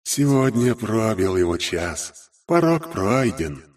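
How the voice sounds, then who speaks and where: A male audiobook narrator voicing Death as a breathy, slow, ominous whispering spirit, a little back from the mic. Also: fairly low pitch, sing-song, far from the mic, heavily acted. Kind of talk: audiobook character voice.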